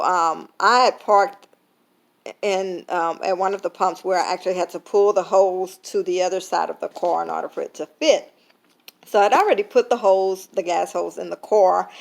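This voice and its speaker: A woman's voice: medium pitch, vocal fry. Tired woman, casual vlog talk with lots of "um", retelling with quoted dialogue. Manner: conversational, many fillers, retelling with quoted dialogue. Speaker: vlogger sharing a faith lesson. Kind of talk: casual reflective talk to camera.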